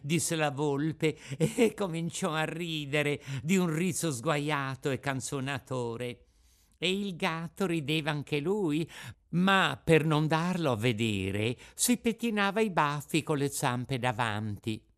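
A man narrating a children's story audiobook in an expressive, varied reading. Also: a little high, slow.

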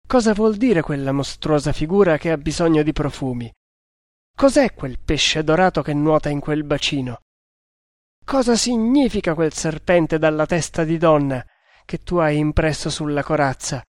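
A man's voice: fairly high pitch, animated, normal speed, dry recording, studio quality, lightly acted. A man reading an audiobook, voicing a young snake hunter who speaks with ardent passion. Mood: fierce. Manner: ardent, impassioned.

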